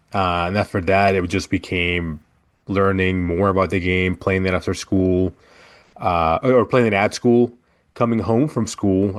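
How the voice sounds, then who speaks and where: A man from El Salvador with a notably low voice, speaking as a podcast guest. He tells his story in a measured, unhurried way. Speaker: guest author. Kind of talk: podcast interview answers.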